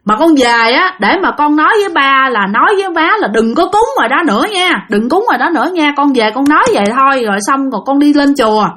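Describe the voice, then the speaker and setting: A woman's voice: high-pitched, animated, quick pace, few pauses, a bit bright. A woman voicing the ghost of a dead young man who speaks through his mother's body, pleading and urgent. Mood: urgent, earnest. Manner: pleading, urgent, gasping for air.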